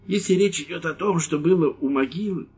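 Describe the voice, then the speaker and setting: A man voicing a timid, squeaky old former priest who pleads anxiously, in an audiobook. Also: a little fast, a little mellow, husky. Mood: pleading.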